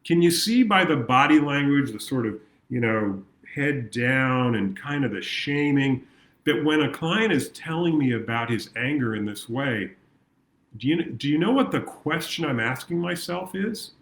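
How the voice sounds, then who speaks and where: Male coach, earnest, middle-pitched voice, roomy echo. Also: lively intonation, unhurried, a bit bright. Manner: earnest, acts out clients' voices. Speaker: progress coach. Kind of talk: motivational talk to camera. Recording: echoey room.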